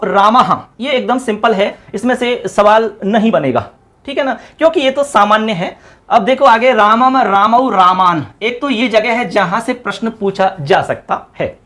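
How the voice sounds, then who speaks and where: Man, teacher, exam-prep grammar lesson, rhythmic chanted recitation. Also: sits high. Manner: chants word forms in quick recitation, addresses viewers as friends. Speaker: Sanskrit teacher.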